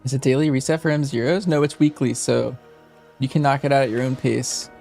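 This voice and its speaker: A man's voice: mid-range voice, steady tone, fairly quick, gravelly, darkish tone, soft background music. A man casually chatting with viewers and answering questions as he streams a game. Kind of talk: casual chat with stream viewers while gaming.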